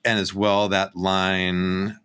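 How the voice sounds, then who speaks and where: A man's voice: sits low, completely flat delivery, takes it slowly, a bit bright, clean tone. A man co-hosting a casual discussion about scripture on a video call, steadily explaining and building his point. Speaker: podcast co-host, biblical studies professor. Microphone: webcam on a video call.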